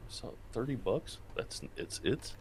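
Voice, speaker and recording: A man's voice: mid-range voice, lively intonation, measured pace, darkish tone, breathy edge. A man co-hosting a podcast, chatting in an easygoing way with short replies. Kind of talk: casual chat.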